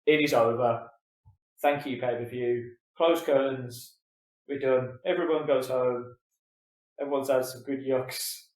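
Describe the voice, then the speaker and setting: A man co-hosting a podcast in casual, animated, swear-filled chat. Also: medium pitch, measured pace, reverberant. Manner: animated, swears a lot, acts out voices in quotes. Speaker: podcast co-host.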